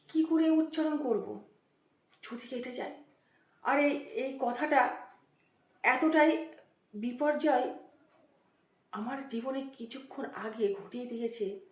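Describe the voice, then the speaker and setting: A woman's voice: high-pitched, recorded from a distance, dull audio. A woman giving a motivational talk as a story, with an emotive, dramatic delivery that rises and drops suddenly. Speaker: motivational speaker. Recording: echoey room.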